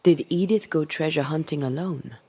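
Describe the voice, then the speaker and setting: Analytical male sidekick for a video game: creaky, raspy, dry, doubting. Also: on the high side, normal speed, darkish tone. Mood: sceptical. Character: sceptical, analytical companion investigator.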